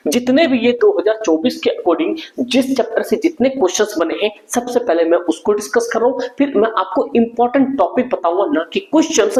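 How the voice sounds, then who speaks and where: A man's voice: high-pitched, darkish tone, poor audio. A young man teaching an exam revision lesson in an informal, brotherly way, often checking that students follow along.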